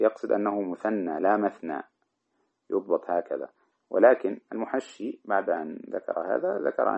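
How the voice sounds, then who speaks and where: A man's voice: low voice, gravelly, husky. A man teaching Islamic jurisprudence, reading a classical text aloud and then explaining it in plain talk. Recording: dull lo-fi recording.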